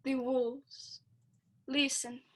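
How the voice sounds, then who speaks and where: A young woman playing a sinister vampire count in a student radio play, speaking with slow, courtly menace. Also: high-pitched, level tone, heavy background noise.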